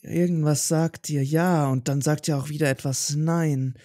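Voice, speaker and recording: A man narrating as game master in a slow, atmospheric way. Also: a little high, steady tone, warm tone, no room sound, studio quality. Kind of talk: narrating an audio role-play.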